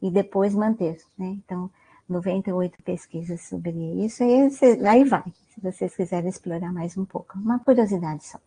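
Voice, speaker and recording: A woman's voice: mid-range voice, normal speed, warm tone, breathy edge. A woman with a Brazilian Portuguese accent giving an online mindfulness talk, conversational, often tagging sentences with "né?" and asking her listeners questions. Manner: conversational, many "né?" tags, asks the audience questions. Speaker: guest lecturer on mindfulness.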